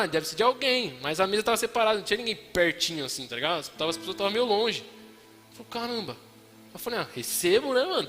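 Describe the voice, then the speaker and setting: Slangy young preacher in echoing church. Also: male voice, high voice. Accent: São Paulo Portuguese. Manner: slangy, animated storytelling. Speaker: preacher giving a testimony. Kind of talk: casual sermon testimony. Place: church hall. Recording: reverberant church hall with music.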